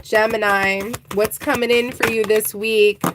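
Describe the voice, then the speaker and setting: A woman's voice: mid-range voice, flat delivery, measured pace, heavy background noise. A woman giving a casual tarot reading, chatting straight to her viewers and laughing easily. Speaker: tarot reader.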